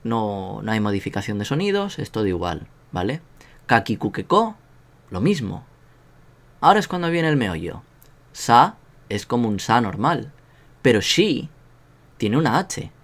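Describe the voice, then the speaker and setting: A man's voice: fairly low pitch, sing-song, moderate pace. A man with a Spanish accent from Spain, giving a casual online language lesson in a joking, self-mocking way and drilling sounds aloud. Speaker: language teacher.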